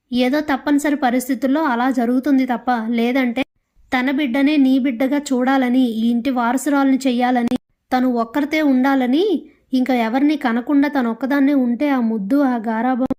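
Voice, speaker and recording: A bitter mother-in-law, put on by a woman narrator, hurls sharp accusations at her family. The voice stays high and light, and it carries the feel of a TV serial recap. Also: steady tone, moderate pace, close to an everyday voice. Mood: scolding. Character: angry scolding older mother-in-law.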